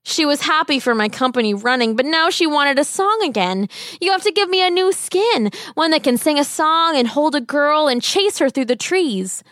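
A woman's voice: high-pitched, lively intonation, moderate pace, fairly bright tone, no echo, clean studio sound, voice pushed up. A woman voicing an earnest young man in love, speaking with eager, pleading urgency.

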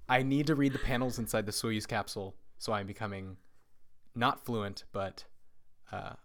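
A man hosting a podcast, chatting in a joking, animated way. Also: fairly low pitch, moderate pace, slight background noise. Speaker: podcast host. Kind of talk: casual chat.

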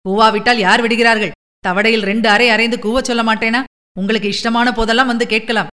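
Woman doing a loud, blunt village farmer. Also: a little high, fairly even intonation, fairly quick. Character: plain-spoken adult male village farmer.

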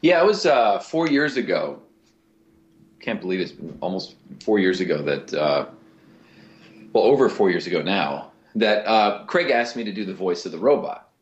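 Man with a low voice, roomy lo-fi sound. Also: normal speed. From Cleveland, USA. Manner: animated, with frequent restarts. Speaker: guest, voice actor. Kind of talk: casual interview talk. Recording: roomy lo-fi recording.

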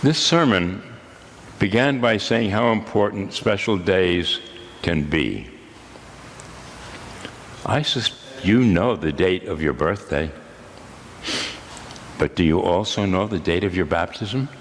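A man in his eighties, a priest, delivering a sermon in a measured, solemn way with deliberate pauses. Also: sits low, animated, big-room sound, slight background noise. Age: 80s.

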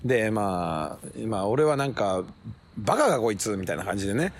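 A comedian chatting casually with a friend, roughly and loosely, often acting out other people's lines in a loud, high voice. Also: male voice, big pitch swings, fairly quick. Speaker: comedian podcast host. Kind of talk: casual chat recorded outdoors. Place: city park at night.

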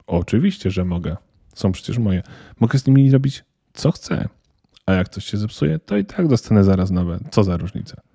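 A man's voice: fairly low pitch, expressive, normal speed, creaky, warm tone, slightly rough, dry recording, studio quality, heavily acted. A man voicing a spoiled, defiant eight-year-old girl who talks in a cold, smug, self-assured way.

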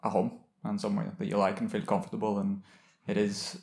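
Low-voiced Irish man hosting, echoey room. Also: completely flat delivery, a little fast, gravelly, darkish tone. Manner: friendly, teasing, loose phrasing. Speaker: podcast host. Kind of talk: casual interview chat.

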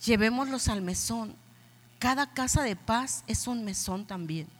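A middle-aged woman pastor with a Mexican accent preaching a lively sermon, urging her congregation and acting out voices. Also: on the high side, unhurried. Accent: Mexican Spanish.

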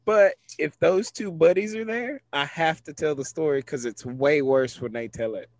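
A man's voice: fairly high pitch, moderate pace, no echo. A man telling a funny personal story in casual chat, often laughing as he talks.

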